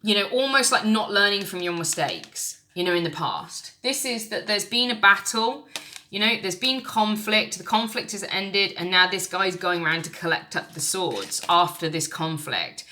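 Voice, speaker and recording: A woman talks through a tarot reading in a relaxed, chatty way. She is blunt and frank, swearing offhandedly as she gives her message. Her voice has a bright, forward ring. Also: medium pitch, moderate pace, slight background noise. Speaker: tarot reader. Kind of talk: casual spoken tarot reading.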